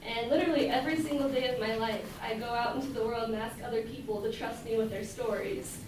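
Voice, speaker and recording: A young woman with a somewhat high, slightly mellow voice tells a personal story on stage, talking fast with fairly even intonation. She's chatty, uses lots of fillers, and laughs often. Her voice sounds distant in a very echoey hall, with clear room noise behind her.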